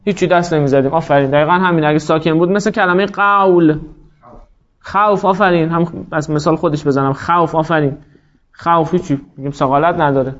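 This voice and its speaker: A man's voice: on the high side, hardly any pauses, muffled recording. A man teaching a grammar class, explaining each rule step by step and quizzing his students as he goes. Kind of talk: classroom lecture.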